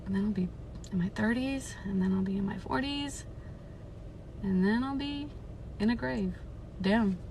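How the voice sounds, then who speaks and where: A woman's voice: mid-range voice, normal speed, pauses often, a little mellow, a little hiss or hum. A woman, reading a book aloud on a livestream and then chatting with viewers in a rambling way. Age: 20s. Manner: rambling and chatty, lots of filler words. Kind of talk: casual live chat and book reading.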